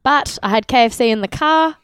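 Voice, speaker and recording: Clear-voiced, teasing Australian woman. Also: fairly high pitch, a little fast, fairly bright tone, no room sound, studio quality. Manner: jokey, teasing. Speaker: podcast co-host. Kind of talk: casual chat.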